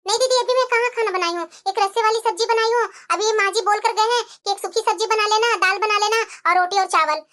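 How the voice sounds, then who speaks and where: A woman's voice: very high-pitched, fast, few pauses, a bit bright. A woman voicing a sweet, obedient young daughter-in-law in a cartoon, polite and eager to please. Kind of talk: cartoon voice acting.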